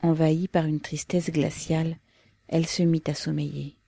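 A woman narrating a novel as an audiobook in a slow, measured, grave manner. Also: deep voice, level tone, creaky, dark tone, husky.

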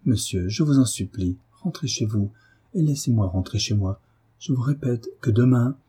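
A frightened young wife who pleads in formal, dignified words, as a man reading aloud puts her on. The voice is raised in pitch and stays soft beneath the reader's dark, husky tone. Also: lively intonation, normal speed. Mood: pleading.

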